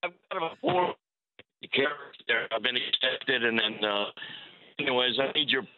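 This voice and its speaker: A man from Missouri calling in on a cell phone that keeps breaking up, talking in a halting, rambling, stammering way. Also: mid-range voice, lively intonation. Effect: cell phone call breaking up. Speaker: caller. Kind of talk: call-in chat on a religious show. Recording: tinny phone line, dropping out.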